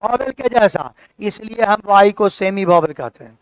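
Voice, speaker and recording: A man's voice: sits high, expressive, measured pace, dry recording. A male teacher giving a classroom lecture, explaining things step by step and asking his students questions as he goes.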